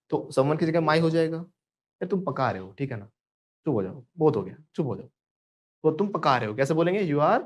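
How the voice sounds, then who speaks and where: A man runs an online spoken-English class with a joking, playful manner. He keeps asking the class to repeat set phrases after him. His voice sits a little high for a man. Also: darkish tone.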